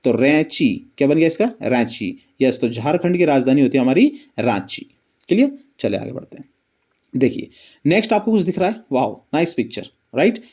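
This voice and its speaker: A man's voice: medium pitch, sing-song, moderate pace, darkish tone, breathy edge. A man teaching a geography lesson through memory-trick stories. He keeps asking his viewers questions and then answers them himself. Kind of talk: animated mnemonic geography lesson.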